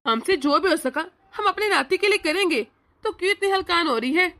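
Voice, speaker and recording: A woman's voice: very high-pitched, animated, brisk, full character voice. A woman voicing the kindly, reassuring father of a young widow in a cartoon. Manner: gentle, reassuring. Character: kindly older father of the bride. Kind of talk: cartoon voice acting.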